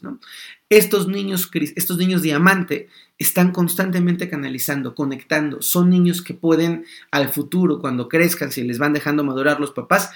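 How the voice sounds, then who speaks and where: A man hosting a podcast, explaining a topic in an animated way and acting out small dialogues. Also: on the high side, gravelly. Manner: animated, acts out little dialogues. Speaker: podcast host.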